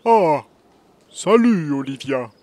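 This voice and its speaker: A man voicing a big, casual, evasive male moose with a deep, drawling voice in a children's audio story. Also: animated, slow, darkish tone, no echo. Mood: easygoing.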